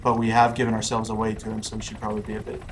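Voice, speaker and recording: A man's voice: fairly low pitch, monotone, racing, very noisy. A man presenting a livestream, casually narrating the game he is playing with an easygoing manner. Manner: easygoing, narrates his play, laughs easily. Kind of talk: live gameplay commentary. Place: studio office.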